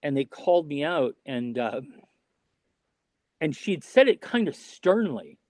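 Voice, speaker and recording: Slow, halting man telling a heartfelt story. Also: on the high side, sing-song, a little mellow, dry recording. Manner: slow, halting, with many restarts. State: choked up. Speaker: Renaissance fair performer. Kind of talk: emotional storytelling interview.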